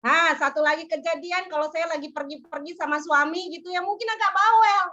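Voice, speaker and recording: A woman preaching a sermon, telling personal stories in a lively way and acting out quoted voices. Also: very high voice, fairly quick, lo-fi sound. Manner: lively storytelling, acts out quotes.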